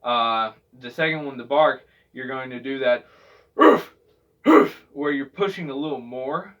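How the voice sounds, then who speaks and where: A man teaches in a loose, casual tutorial style, with a mid-pitched voice. He rambles a little, hesitating and circling back over his phrases. The recording is dull and he sounds some way from the microphone. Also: a little slow, distant mic. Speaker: vocal technique instructor.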